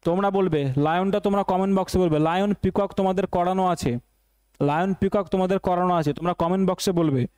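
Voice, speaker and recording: A man's voice: high voice, fairly even intonation, a little fast, a little mellow, clean tone, no echo. A man with a Bengali accent teaching an exam-prep English lesson, repeating each question and answer as a drill.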